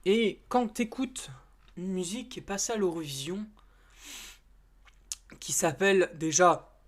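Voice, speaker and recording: A man's voice: high-pitched, lively intonation, unhurried. A man chatting casually to camera as a YouTuber. He rambles and hesitates, with many fillers and restarts, in informal, slightly crude speech.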